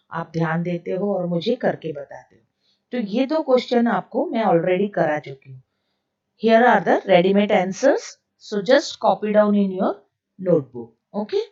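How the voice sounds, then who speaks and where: Slow-spoken Indian woman teacher, distant. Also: medium pitch, a little mellow. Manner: slow, deliberate English; quicker Hindi explanations; frequent "okay?" checks. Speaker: English teacher. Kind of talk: recorded online lesson, mixing English and Hindi. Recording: dull, distant lo-fi recording.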